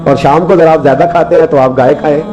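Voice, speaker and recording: A preacher doing a sly, deferential fox. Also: male voice, a little high, fairly even intonation, fast talker, muffled recording, music in the background, close to an everyday voice. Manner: deferential, careful. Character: clever, cautious female fox.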